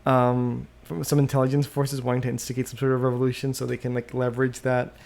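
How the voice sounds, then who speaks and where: A man hosting a solo podcast, thinking out loud and often trailing off and restarting mid-sentence, into a desktop microphone. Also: mid-range voice, monotone, fast, creaky. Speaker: podcast host. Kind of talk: rambling solo podcast monologue. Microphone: USB desktop microphone.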